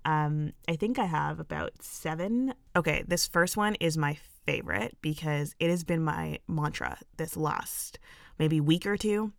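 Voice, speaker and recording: A woman's voice: fairly low pitch, vocal fry, dry recording, clean studio sound. A woman from England hosting a solo podcast, talking candidly and reflectively in a chatty way with many fillers. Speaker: podcast host.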